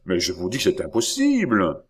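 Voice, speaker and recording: A man's voice: low-pitched, huge pitch swings, normal speed, husky, full character voice. A man voicing a stubborn innkeeper-postmaster who protests in an exasperated way. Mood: protesting. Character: flustered stubborn older male postmaster.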